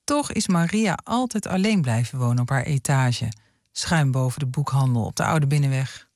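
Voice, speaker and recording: A man interviewing and narrating for a radio documentary, asking gentle, probing questions. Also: mid-range voice, animated, normal speed, no room sound, clean studio sound.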